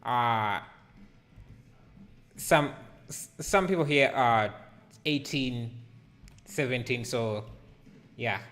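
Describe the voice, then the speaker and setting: A man in his thirties livestreams a casual 3D art tutorial on a headset mic, thinking aloud with many fillers and reading chat aloud as he works. His medium-pitched, fairly bright voice moves very slowly, with long pauses.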